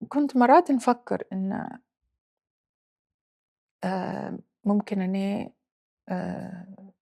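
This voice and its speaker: A Libyan woman in her forties, a guest in a personal interview, tells her story in a reflective, halting way, slipping English phrases in with her Libyan Arabic accent. Her medium-pitched voice is a little mellow, with a gravelly, creaky texture.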